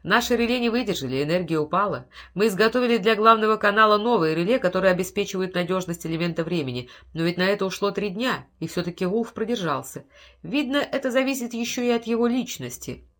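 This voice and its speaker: A woman reading an audiobook, voicing a calm, soft-spoken male scientist with a measured delivery. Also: mid-range voice. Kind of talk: audiobook character voice.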